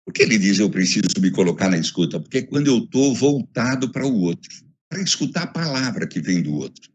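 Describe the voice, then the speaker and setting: This man's husky voice runs on the low side and fairly quick. Lecturing academically by phone on a video call, he speaks with a Brazilian Portuguese accent, expressive and emphatic, developing ideas through lists he repeats.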